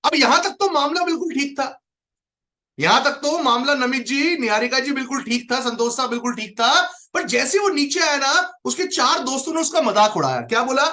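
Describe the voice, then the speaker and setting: A man's voice: very high voice, animated, normal speed, sharp tone. A man giving a motivational training talk to an online audience. He speaks emphatically, repeats his key phrases and calls out listeners by name.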